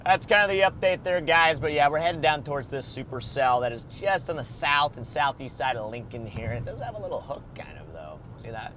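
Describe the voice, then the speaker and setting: A bright-voiced man talks through a live storm chase from the driver's seat, rambling and thinking aloud. Faint road noise hums under his voice. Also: fairly high pitch, lively intonation, fairly quick, few pauses. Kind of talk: casual live commentary from a car. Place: in a moving car.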